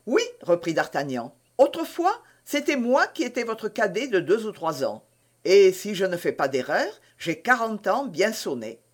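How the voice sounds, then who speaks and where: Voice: medium pitch, big pitch swings, normal speed. A reader voicing a shrewd, genial forty-year-old musketeer officer who banters with an old friend. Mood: bantering. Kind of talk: audiobook character reading.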